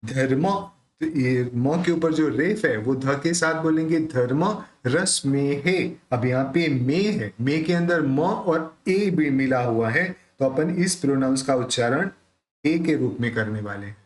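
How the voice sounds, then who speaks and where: A man with a Hindi accent teaching the pronunciation of devotional verses, explaining each sound and then reciting the lines in a slow, measured chant. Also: fairly high pitch. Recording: echoey room.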